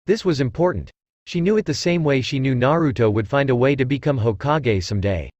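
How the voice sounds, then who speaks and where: Expressive male story narrator. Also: mid-range voice, a little fast, dry recording. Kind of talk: reading fan fiction aloud.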